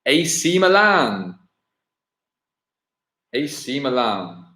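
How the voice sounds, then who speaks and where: A man's voice: medium pitch, very animated, extremely slow, sharp tone. A man hosting a live online quiz, chatty and given to thinking aloud and correcting himself. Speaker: quiz host. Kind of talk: live-streamed pub-style quiz hosting. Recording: echoey room.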